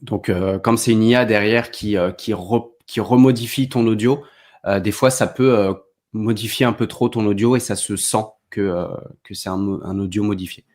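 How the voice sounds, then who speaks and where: Low-voiced man teaching casually, full of fillers. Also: fairly even intonation, moderate pace, darkish tone. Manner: hesitant, many fillers and restarts; speaks directly to the viewer. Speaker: content creation trainer. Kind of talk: casual online tutorial.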